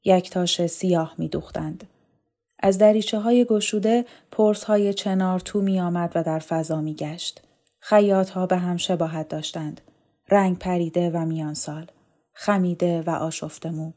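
A woman narrating a novel in a calm, measured audiobook reading. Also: lowish voice.

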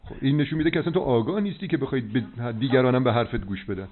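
A man's voice: mid-range voice, animated, crowd noise. A man giving health advice as a doctor on a phone call, preachy and insistent, checking that he is understood. He is heard over a landline phone line. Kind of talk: phone consultation. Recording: tinny phone line with faint hiss.

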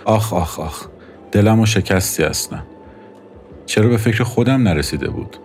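A man's voice: lowish voice, animated, faint music behind, lightly acted. Man voicing a cool, sardonic young woman. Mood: mocking. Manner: dry, quietly mocking, matter-of-fact.

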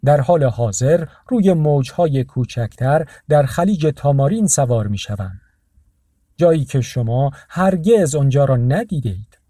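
A man's voice: mid-range voice, lively intonation, dark tone, no room sound, clean studio sound, close to an everyday voice. A man voicing a laid-back, boastful homeless man who claims to be a surfer and tycoon.

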